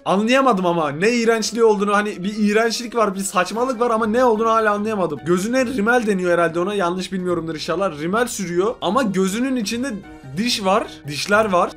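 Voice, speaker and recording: High-voiced exasperated young-sounding man. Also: fairly bright tone. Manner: exasperated, joking, laughs often. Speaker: reaction video host. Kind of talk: casual commentary on photos.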